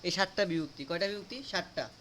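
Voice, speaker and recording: High-pitched man drilling a grammar lesson. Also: fast, fairly bright tone, slight background noise. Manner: repetitive, drilling students with questions. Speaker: teacher.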